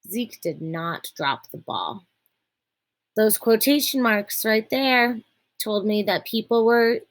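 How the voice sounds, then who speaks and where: This is a reading lesson for children led by a young woman with a medium-pitched voice. She explains patiently and clearly, takes each point slowly, and gives the passages she reads aloud plenty of expression.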